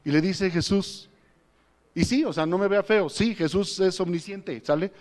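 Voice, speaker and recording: Give me a high-pitched pastor preaching a passionate sermon. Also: male voice, a little slow. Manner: impassioned preaching, rising to loud emphatic peaks.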